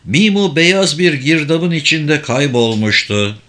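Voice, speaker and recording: A man narrating an audiobook in an animated, expressive way. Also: a little high, slow. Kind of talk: scripted narration.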